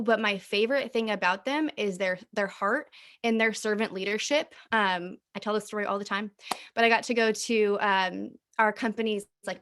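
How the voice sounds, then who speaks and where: A woman with a fairly high voice gives a cheerful recruiting talk about her network marketing business. She speaks in a chatty, casual way, full of "like" and "um", and smiles through her words. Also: fairly bright tone. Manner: upbeat, smiling while talking; chatty, uses filler "like" and "um".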